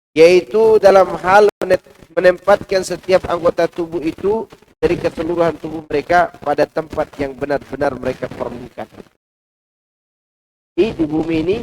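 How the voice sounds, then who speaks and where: A man with a fairly high voice preaches to a mosque congregation. His delivery is animated, swinging from loud, emphatic lines to soft, hushed asides as he teaches. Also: poor audio. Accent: Indonesian. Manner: lively, shifting between loud and hushed delivery. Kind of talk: Quran commentary lecture. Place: large mosque.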